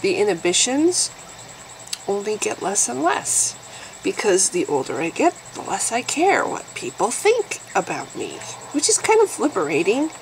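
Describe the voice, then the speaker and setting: A woman's voice: mid-range voice, huge pitch swings, unhurried, a little hiss or hum, low-quality recording. A woman in her fifties with a nasal voice, vlogging to camera in a blunt, sarcastic way. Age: 50s. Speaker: YouTube vlogger. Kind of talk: candid talking-to-camera vlog.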